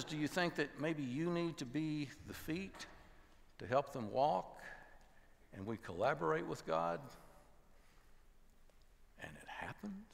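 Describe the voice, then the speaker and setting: An older pastor preaches in a large sanctuary, his gravelly voice ringing with a long reverb. He tells stories animatedly and acts out the voices of the people in them, sometimes dropping to a hush. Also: on the high side. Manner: animated storytelling, acting out voices in quotes, dropping to a hushed voice. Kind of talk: sermon with storytelling. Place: large church sanctuary with choir behind.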